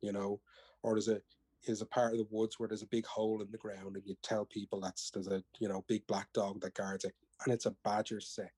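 Irish male storyteller, mellow and close. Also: lowish voice, little pitch movement, fairly quick, slightly rough, no echo. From Ireland. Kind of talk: casual conversational storytelling and explaining.

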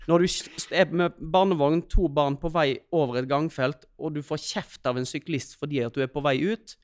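A man in his thirties, a podcast guest, telling stories in an animated way in casual chat. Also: on the high side, no echo. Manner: animated, laughing storyteller.

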